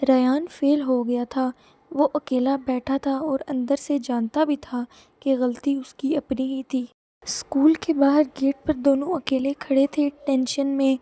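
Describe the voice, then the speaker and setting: A woman narrating a moral story for children in a calm storybook manner. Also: high voice, no room sound. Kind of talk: scripted narration of a moral tale.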